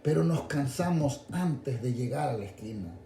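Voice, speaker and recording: A man preaching a radio sermon, calling his listeners "brother" and swinging from low, intimate asides to raised, shouted appeals. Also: animated, moderate pace, reverberant, slight background noise. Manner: addresses listeners directly as "hermano".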